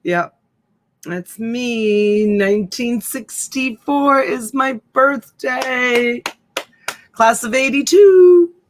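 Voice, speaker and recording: Her voice is fairly high-pitched and very slow. She's a reseller host in her fifties on a casual live stream, talking into a USB desk mic and rambling along as she reads out and responds to viewer comments.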